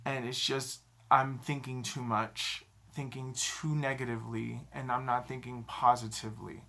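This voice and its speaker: A man in his thirties talking to a camera in a halting, self-critical confessional vlog, often repeating himself. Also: mid-range voice, flat delivery, creaky, a bit bright. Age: 30s. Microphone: camera mic, talking to a camera.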